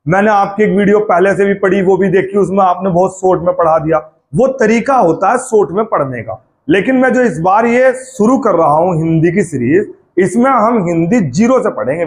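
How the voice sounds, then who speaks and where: High-voiced grammar teacher. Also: male voice. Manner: addresses students as friends, repeats drills and checks understanding. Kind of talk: exam-prep Hindi grammar lesson.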